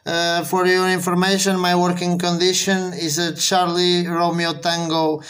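Making contact over amateur radio, a man speaks English as a second language with a Portuguese accent and spells things using phonetics. His voice sits high and a bit bright, delivered in a monotone at a measured pace.

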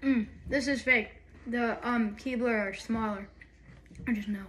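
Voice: medium pitch, steady tone, measured pace, fairly bright tone. A child taste tester giving short, blunt verdicts while talking through a mouth full of cookie. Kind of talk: casual family video. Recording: home video with clear background noise.

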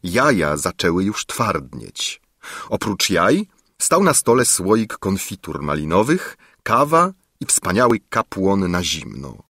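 Husky, expressive male audiobook narrator. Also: deep voice, no echo, studio quality. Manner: expressive storytelling. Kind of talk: scripted narration.

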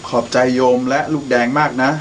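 In a student radio drama, a young adult man plays a father who starts out as a brash drunk and later becomes a repentant, gentle monk. He speaks fairly quickly with light acting, calm and repentant in mood, against slight background noise.

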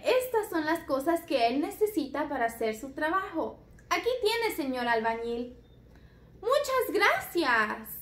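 A woman teaching small children with puppets, speaking clearly and encouragingly. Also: high voice, roomy sound. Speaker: preschool teacher.

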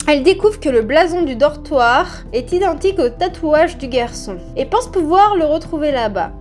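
A woman in her thirties with a high voice chats about her new books in a home vlog, pausing often and hesitating mid-sentence. Soft music plays quietly behind her voice, recorded at home by a camera in front of her. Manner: chatty, with frequent hesitations. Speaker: book vlogger. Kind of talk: casual manga haul vlog. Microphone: camera in front at mid-shot.

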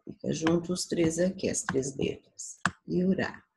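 Brazilian lady teacher, low husky gravelly voice, takes it slow with the kids. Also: noisy background. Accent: Brazilian Portuguese. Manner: sounds out syllables slowly for young children. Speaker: primary school teacher. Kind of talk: slow, patient remote class lesson.

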